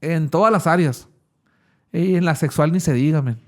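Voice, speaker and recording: A man's voice: a little high, normal speed, a little mellow. A man, telling his personal testimony in a casual, slangy way as an interview guest.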